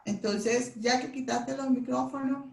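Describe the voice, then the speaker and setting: Woman teacher with a higher voice, explaining step by step to a class, in a roomy echo. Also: steady tone, a little slow, vocal fry, darkish tone. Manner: explains step by step, leads group recitation. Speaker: Bible memorization teacher. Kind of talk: classroom lesson.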